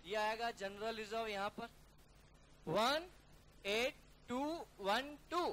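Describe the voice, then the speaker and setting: A male accounting teacher giving a classroom lecture, briskly coaxing students to call out figures and mixing English terms into his talk. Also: sits high, bright, forceful tone. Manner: calls students "beta" and "yaar". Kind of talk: classroom lecture working through a problem.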